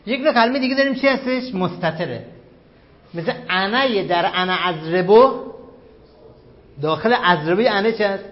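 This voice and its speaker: A man's voice: high voice, a little hiss or hum. Man lecturing, quizzing his class. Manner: quizzes students with repeated questions; repeats key terms slowly for emphasis. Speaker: teacher of Arabic grammar. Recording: dull lo-fi recording.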